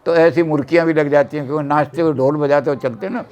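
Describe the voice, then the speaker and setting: An older man who sings slow folk verses and then explains them in quick talk, as the guest on a chat show. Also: a little high, steady tone, darkish tone, highs cut off. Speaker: guest folk music expert. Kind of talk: explaining and singing folk songs.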